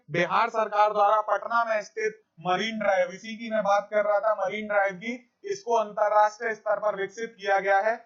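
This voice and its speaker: A man's voice: sits high, fairly bright tone, lo-fi sound. A man giving a current affairs exam lecture over slides, repeating key facts and calling his viewers friends. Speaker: exam coaching teacher.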